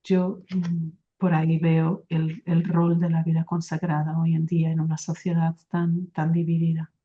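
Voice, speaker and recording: A woman with a Portuguese accent answers interview questions in a calm, reflective way, checking in with a soft "no?" as she talks. Her voice sits low and mellow, with a flat, even melody. The recording sounds a little dull and lo-fi. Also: normal speed. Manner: thoughtful, often adds "¿no?" tag questions. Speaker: religious sister.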